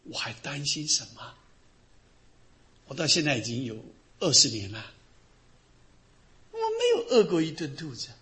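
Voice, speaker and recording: A middle-aged man, a pastor, preaching a sermon and telling Bible stories in an animated way. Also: fairly high pitch. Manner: animated storytelling, acting out the people in the Bible stories.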